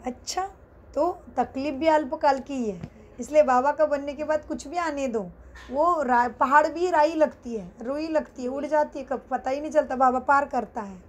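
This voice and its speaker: A middle-aged woman leading a spiritual class, speaking in a measured, explanatory way and asking questions she then answers herself. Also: sits high, highs cut off.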